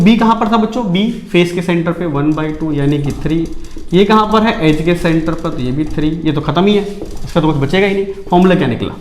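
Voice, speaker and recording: A man teaching a chemistry lesson, brisk and coaxing, often asking his students questions. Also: sits high, reverberant. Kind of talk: classroom lecture to students.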